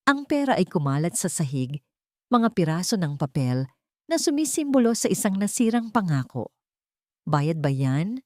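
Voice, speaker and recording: A woman narrates a scripted romantic drama as a storyteller, reading it dramatically. Her medium-pitched voice is sing-song and a little mellow at a moderate pace. The studio sound is clean, with no room sound.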